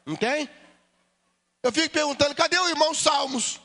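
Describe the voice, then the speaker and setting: A Brazilian pastor preaching a sermon, animated and humorous, acting out quoted dialogue as he speaks. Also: extremely high pitch, fairly quick. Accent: Brazilian Portuguese. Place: church sanctuary. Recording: long church hall reverb.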